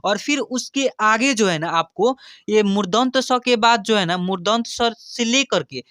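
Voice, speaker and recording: High-voiced Hindi teacher drilling letters. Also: male voice, measured pace, no room sound, studio quality. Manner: repeats filler phrases, loud drilled syllables. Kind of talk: online lesson, reading letters aloud.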